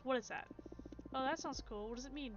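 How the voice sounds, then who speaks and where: A woman voicing a kind, welcoming young female witch in a gentle, reassuring tone over game music. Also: high-pitched, brisk, lightly acted. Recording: dull lo-fi stream audio with game music.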